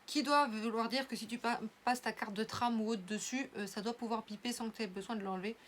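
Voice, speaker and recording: A woman's voice: fairly high pitch, fairly even intonation, brisk, a little hiss or hum. A young woman chatting casually through an unboxing video, rambling with lots of fillers and restarts. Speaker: unboxing vlogger.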